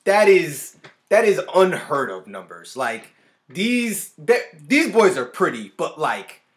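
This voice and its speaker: A young man in his twenties hosting a music reaction video, excitable and often cutting himself off to react, recorded in a small room on a webcam. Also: a little high, slow. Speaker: music reaction channel host. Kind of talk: casual reaction commentary. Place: small indoor room with a guitar on the wall.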